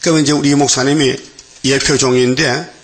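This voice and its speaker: A man's voice: medium pitch, little pitch movement, fairly quick, slight background noise. A man preaching a dawn-service sermon in a folksy, conversational way, often tossing questions to his listeners. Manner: folksy, peppers talk with questions like "huh?". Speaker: pastor.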